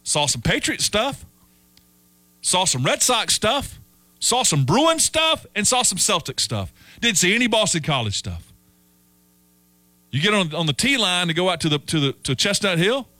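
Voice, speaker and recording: A man's voice: high voice, normal speed, no echo. A man hosting a sports talk show, telling stories and acting out quoted voices. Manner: animated storyteller, acts out quoted voices. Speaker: sports radio host.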